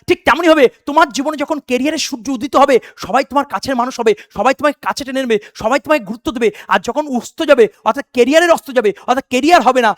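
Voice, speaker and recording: A man coaches students for an English exam online, repeating rules as drills and calling them "baba" and "beta" between fervent bursts of motivation. His voice is very high with a fairly bright tone, recorded dry and clean in a studio.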